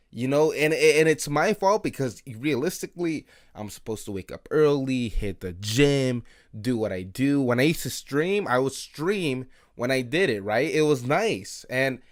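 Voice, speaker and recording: A man in his early twenties hosting an unscripted late-night solo podcast, rambling, self-critical and swearing, with many fillers and laughs. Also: mid-range voice. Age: 20s. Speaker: podcast host.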